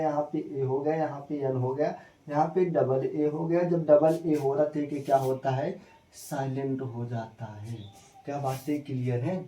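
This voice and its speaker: A man teaching a spelling lesson, repeating himself and firing quick questions at his viewers. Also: fairly high pitch, mellow. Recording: echoey room, voice from a distance.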